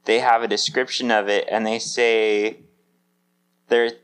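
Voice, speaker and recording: Brief: male podcast co-host, lowish voice, casual, easily amused. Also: unhurried, clear, resonant tone. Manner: laughs often, animated bursts of excitement. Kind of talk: casual chat.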